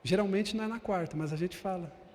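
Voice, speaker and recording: A man's voice: high voice, fast talker, darkish tone, long reverb tail. A man preaching a sermon as a bishop, pressing his points with emphatic repetition and calling the congregation brother. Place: large church hall.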